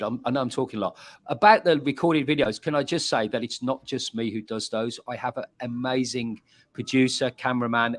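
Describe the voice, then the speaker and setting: A man's voice: medium pitch, no room sound. Chatty man telling stories. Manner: animated storyteller, repeats words. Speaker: guest, pub and bar owner. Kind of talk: casual chat.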